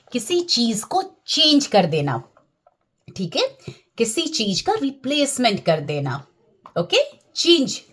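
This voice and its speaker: Lady teaching quran recitation, patient, says "okay?" a lot, slow and lively. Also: a little high, breathy edge. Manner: patient, repeats key terms and checks with "okay?"; slows down and draws out recited Arabic words. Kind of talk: tajweed lesson.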